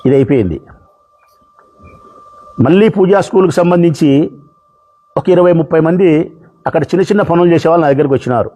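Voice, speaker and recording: A man's voice: fairly high pitch, brisk, long pauses, warm tone. A man speaking as a politician, addressing the press in an impassioned, repetitive way. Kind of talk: public speech to press.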